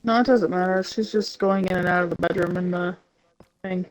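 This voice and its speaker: Relaxed chatty woman gaming on stream. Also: lowish voice, brisk, a little hiss or hum, poor audio. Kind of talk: casual chat while gaming.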